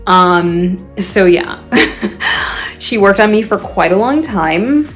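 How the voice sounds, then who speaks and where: A woman's voice: mid-range voice, animated, takes it slowly, a bit bright, faint music behind. A woman vlogging to a handheld phone camera in a casual, chatty way, laughing often and acting out what people said to her.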